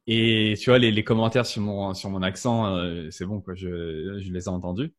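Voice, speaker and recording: A man's voice: sits low, steady tone, moderate pace. A man in his thirties, a podcast guest talking casually with many fillers and restarts. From France. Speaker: podcast guest, marketing strategist. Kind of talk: casual interview chat.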